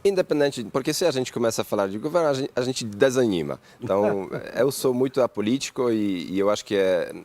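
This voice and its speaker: A man from Poland with a Polish accent, a company CEO interviewed as a guest, talking in a pragmatic, optimistic, measured way. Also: medium pitch, expressive, darkish tone.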